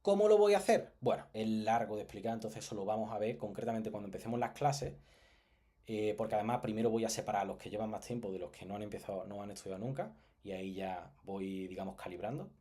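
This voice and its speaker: A man's voice: lowish voice, steady tone, fast talker, warm tone. A man with a Spain Spanish accent giving a casual online language lesson, chatty and jokey, often checking in with the listeners. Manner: chatty, jokey and digressive, with frequent "¿vale?" check-ins. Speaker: Japanese teacher.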